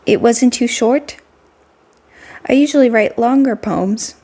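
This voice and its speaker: Woman voicing a timid bookish teen girl, polite and hesitant, higher than her own voice; fits a game read-along. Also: slow, mellow. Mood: shy. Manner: hesitant, polite, self-deprecating. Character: shy, formal teenage girl, soft-spoken bookworm.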